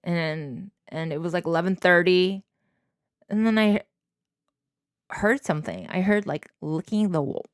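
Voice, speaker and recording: Young woman, lower-pitched, close dry sound. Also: unhurried, long pauses, no echo. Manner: informal, candid, punctuated with "like". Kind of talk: casual personal storytelling. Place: small bedroom, indoors. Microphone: handheld microphone.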